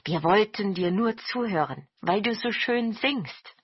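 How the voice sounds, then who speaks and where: A woman voicing a crowd of eager, flattering horned goblins in a storybook reading, with a high, loud, coaxing manner. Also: a little slow, slightly rough, no echo, muffled recording.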